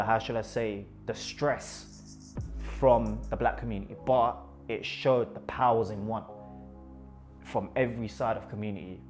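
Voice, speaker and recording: With a medium-pitched voice, this London-accented photographer from Iraq speaks excitedly about his photos. He frequently doubles up on words to stress them.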